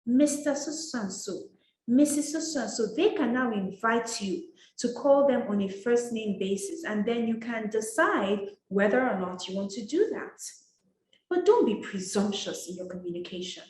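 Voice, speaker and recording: A woman's voice: a little high, lively intonation, moderate pace, darkish tone. A woman from Nigeria teaching an etiquette masterclass, talking in a direct, emphatic and scolding way. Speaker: etiquette coach. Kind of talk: motivational masterclass talk. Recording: roomy echo.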